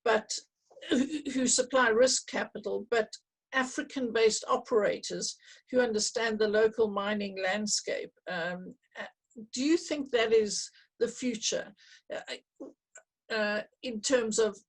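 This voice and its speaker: A woman chairing a virtual panel discussion, asking measured questions with some hesitant restarts. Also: fairly high pitch, steady tone, slightly rough, low-quality recording.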